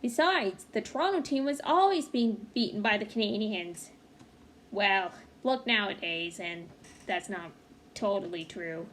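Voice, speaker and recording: In a clearly noisy home recording, a storyteller with a mid-range voice reads a children's picture book with lively expression. She stops now and then to comment to the young ones listening.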